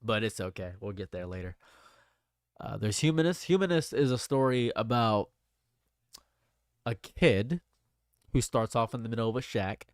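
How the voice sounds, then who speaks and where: A man's voice: lowish voice, animated, moderate pace, long pauses, no echo, studio quality. Rambling man in his late twenties. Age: late 20s. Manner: rambling, repeats himself, restarts phrases. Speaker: streamer. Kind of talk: casual livestream chat.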